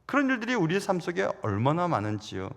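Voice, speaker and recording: A middle-aged man preaching a Sunday sermon, telling stories with sudden loud rises and soft drops. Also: high voice, huge pitch swings, quick pace, gravelly, in a large hall. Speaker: pastor. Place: large church sanctuary.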